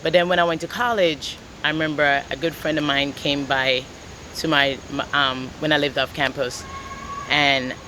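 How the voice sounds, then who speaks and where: Poor audio with slight background noise captures a low-pitched woman talking at a moderate pace. She's a singer and guitarist guest from Jamaica, chatting in an easygoing, rambling manner full of "like" and "you know."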